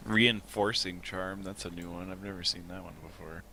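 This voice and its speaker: A man's voice: deep voice, fairly even intonation, moderate pace. A man playing an online game, chatting casually with the other players. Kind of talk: casual gaming chat. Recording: clear background noise.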